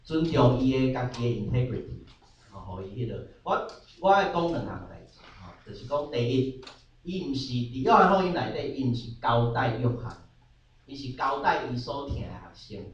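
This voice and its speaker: A man's voice: mid-range voice, big pitch swings, normal speed, highs cut off. A man leading a conversational Bible study class, slipping English terms into his explanations and answering students. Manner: sprinkles English terms into his talk, frequent filler particles. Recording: very echoey room, voice from far off, faint background hum.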